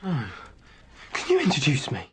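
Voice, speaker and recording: Lovestruck teen wizard Ron. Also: male voice, on the high side, huge pitch swings, moderate pace, soft background music. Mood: dreamy. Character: lovestruck teenage wizard boy, dazed and dreamy. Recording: film clip with loud background noise. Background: noise.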